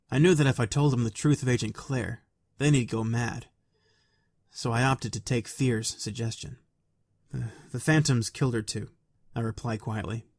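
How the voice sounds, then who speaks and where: A man narrating a fan story aloud in a quiet, even, soft-spoken way. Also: medium pitch, husky, no echo.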